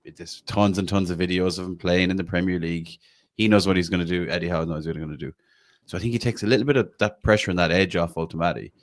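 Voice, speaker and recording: An Irish man with a low, fairly even voice talks fast as he hosts a fan podcast about football. He's chatty, says "like" constantly, and swears now and then.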